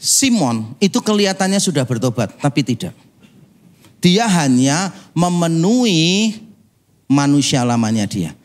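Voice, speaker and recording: A man from Indonesia preaching a sermon as pastor, telling animated, humorous stories and mimicking other people's voices. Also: on the high side, unhurried. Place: church.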